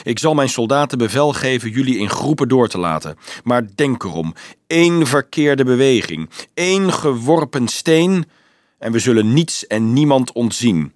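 A man reading a storybook aloud, voicing a gruff medieval army officer who barks curt, impatient orders. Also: medium pitch, animated, moderate pace, dry recording, clean studio sound, lightly acted. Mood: commanding.

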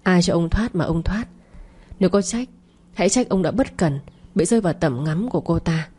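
A woman's voice: fairly low pitch, mellow, husky. A woman narrating an audiobook story with gossipy, scolding asides.

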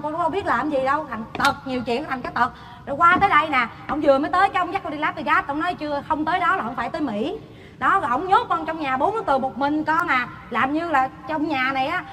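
A chatty, defiant daughter-in-law. She rattles off complaints at a fast clip in a high, bright voice. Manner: complaining, rapid-fire. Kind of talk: stage comedy sketch.

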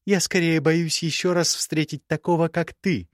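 A man reading an audiobook voices a sharp-tongued, sarcastic young woman mage in a high, mocking tone. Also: flat delivery, moderate pace, no room sound, clean studio sound, close to an everyday voice. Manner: cutting, mocking, icy sarcasm. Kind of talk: audiobook character voice.

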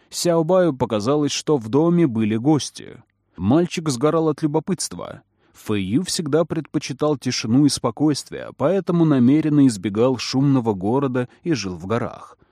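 A man narrating a storybook aloud with expressive, varied intonation. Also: medium pitch, no echo, studio quality. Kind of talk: storybook reading.

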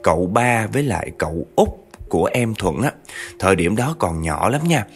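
A man's voice: lowish voice, expressive, moderate pace, breathy edge. A man telling a family story in a chatty way, often speaking straight to the listeners. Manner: chatty, addresses listeners directly. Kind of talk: narrating a true spooky family story.

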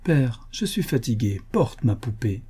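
A man's voice: medium pitch, sing-song, measured pace, warm tone, slightly rough, exaggerated voice. A man voicing a stubborn four-year-old girl with a piercing, defiant voice in a storybook reading. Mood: whining.

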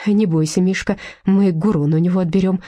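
A woman reading a storybook aloud, voicing a bold, sharp-tongued woman who stands up for her dog. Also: on the low side, fairly even intonation, fairly quick, dry recording, close to an everyday voice. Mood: defiant.

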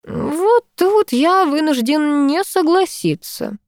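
A lazily drawling, high-voiced male photographer, put on by a woman reading a story. He stays calm and teasing and stretches every word out. The sound is close and dry. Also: no echo. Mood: languid, teasing. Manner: slow, drawn-out, high delicate delivery. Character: mannered flamboyant male photographer, unruffled and teasing.

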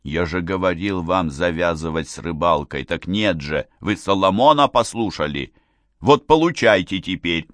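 A man voicing a sullen teenage boy who scolds in a quiet, low growl. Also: expressive, normal speed, no room sound, clean studio sound.

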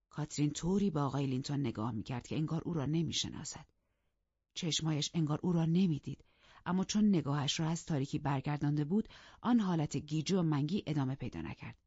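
A woman narrating an audiobook in a calm, measured storytelling manner. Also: sits low, husky, dry recording, highs cut off. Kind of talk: scripted narration.

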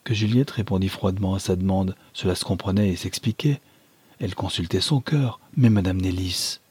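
A man narrates a classic novel in a low, somewhat husky voice and reads in a measured, even way. The recording is close and dry, with no room sound. Nothing is heard behind him. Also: dry recording. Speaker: audiobook reader. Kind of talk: audiobook narration.

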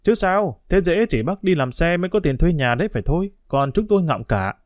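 A man reading a storybook aloud and voicing a cheeky, excitable street boy in a raised, exclaiming voice. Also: fairly quick, no room sound, clean studio sound. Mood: indignant. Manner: exclaiming, brash, high-pitched.

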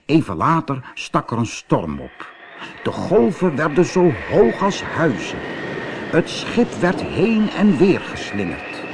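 A man reading a children's fairy tale aloud in an expressive, animated storytelling manner. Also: a little high, background noise. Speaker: audiobook reader.

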